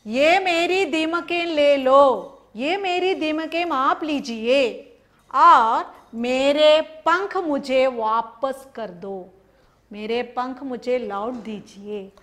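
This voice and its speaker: A woman's voice: high voice, fairly bright tone, heavily acted. A woman reading as a pleading young bird. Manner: slow, pleading.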